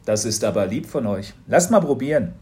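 A man's voice: medium pitch, very animated, brisk, darkish tone, natural voice. A man voicing a cheerful, easygoing father who speaks heartily and with enthusiasm in an audiobook. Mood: pleased.

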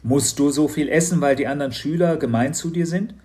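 A man voicing a concerned, gentle father in a children's audiobook. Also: fairly high pitch, fairly quick, voice pushed up, natural voice.

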